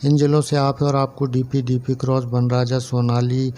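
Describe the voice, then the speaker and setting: A man from central India hosts a poultry farming channel, talking casually and earnestly to camera. His medium-pitched voice is warm but completely flat, at a normal speed, as he explains things step by step and lists items one after another.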